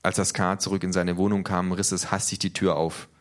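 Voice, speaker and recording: A man giving a calm, measured scripted narration of a story. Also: low voice.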